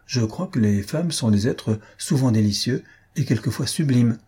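Man playing a blunt, cynical society gentleman. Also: mid-range voice, lively intonation, moderate pace, breathy edge. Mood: mocking. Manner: blunt, mocking, sententious. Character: worldly cynical gentleman, big sonorous voice.

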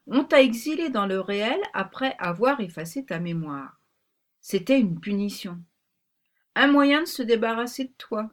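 A bossy talking pink rabbit, put on by a woman reading aloud, brisk and commanding, with a secretive edge. The voice sits a little above her own, in a storybook telling. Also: fairly high pitch, animated, lightly acted.

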